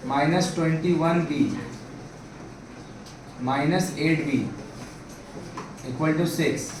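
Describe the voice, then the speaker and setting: High-voiced man teaching math in echoey room. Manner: coaxing, asks students questions, calls them "babu" and "bhai". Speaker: math tutor. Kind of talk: classroom math lesson in Hindi-English mix. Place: classroom with students. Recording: echoey room, mic far off, faint background noise.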